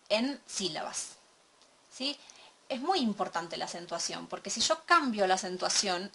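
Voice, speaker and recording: Woman, English teacher, slide lesson, clear bright tone, patient step-by-step explaining. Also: mid-range voice, slight background noise.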